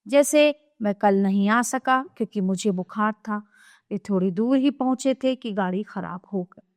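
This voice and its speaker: A woman teaching a grammar lesson to children, reading rules and example sentences in a steady, measured way. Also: mid-range voice, no room sound.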